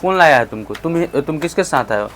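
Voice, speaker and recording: A man teaching English in a classroom, calling out prompts loudly and saying model phrases slowly for his students to repeat. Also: on the high side, animated. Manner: loud call-and-response prompting, slow drawn-out model phrases. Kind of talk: classroom lesson.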